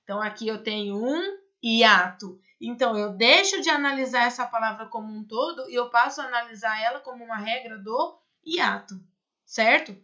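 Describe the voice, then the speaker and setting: Bright high-voiced teacher. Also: female voice, normal speed, dull audio. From Brazil. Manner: explains patiently, asks rhetorical questions and checks in with "certo?" and "né?". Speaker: Spanish teacher. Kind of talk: recorded online class.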